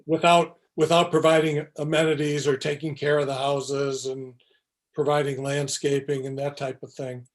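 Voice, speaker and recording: A man's voice: a little high, level tone, normal speed. A man on a planning commission, laying out his question at a public meeting, hesitant and full of restarts. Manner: hesitant, thinking aloud with many uhs and restarts.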